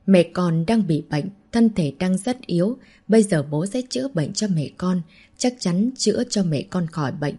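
A woman reading an audiobook voices a devoted young husband who speaks gently and reassuringly. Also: on the low side, lively intonation, moderate pace, husky. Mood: gentle. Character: devoted young husband and father, a mighty warrior.

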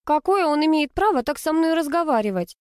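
A woman's voice: sits high, expressive, brisk, no echo, voice pushed up. A woman voicing a hot-tempered young female student who grumbles and complains indignantly, in a dry, close audiobook reading.

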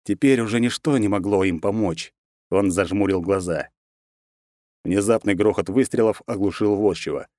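Male narrator, steady audiobook read, lower register, dry close sound. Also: normal speed, no echo. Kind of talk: audiobook reading of a novel.

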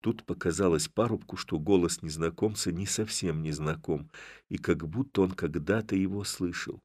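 A man narrating a classic story in an expressive, theatrical reading. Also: sits low, normal speed, breathy edge, dry recording, clean studio sound. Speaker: audiobook narrator.

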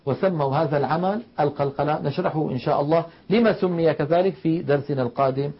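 Male recitation teacher, husky, slightly high voice, patient explainer, dull lo-fi broadcast audio. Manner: slow explanatory, demonstrating letter sounds. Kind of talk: televised tajweed lesson.

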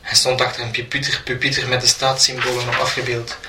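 A man reading a short story aloud in an even storytelling manner. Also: medium pitch, fast talker. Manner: flat, even storytelling delivery. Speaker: narrator. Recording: roomy, distant mic, faint noise.

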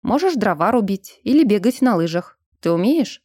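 A woman voicing a gruff, protective young man, blunt and bossy, in an audiobook. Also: medium pitch, big pitch swings, moderate pace, darkish tone, no room sound, studio quality. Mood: calm teasing.

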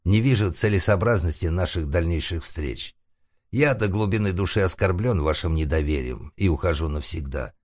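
A man's voice: sits low, moderate pace, no echo, clean studio sound. A man voicing a cunning, ardent suitor who woos and takes offense with mock solemnity, in a comic audiobook. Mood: wounded indignation. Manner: earnest, mock-solemn, indignant. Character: cunning wooden-boy suitor, ardent and calculating.

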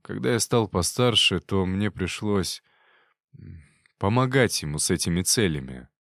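Brief: male reader doing a frightened young servant, halting and unsure, low voice, lively inflection, dry close sound. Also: vocal fry, no echo, full character voice. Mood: confessing. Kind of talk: audiobook character voice.

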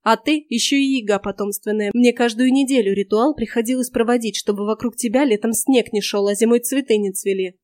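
A woman reading an audiobook and voicing a scheming, cranky old witch who grumbles slowly and slyly, in a dry, close sound. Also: on the high side, a little mellow, dry recording, natural voice.

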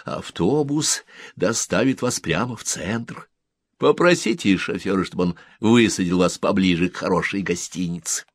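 A man voicing a small gentle alien who whispers kindly, in a storybook reading. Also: sits low, moderate pace, no echo. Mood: hushed kind.

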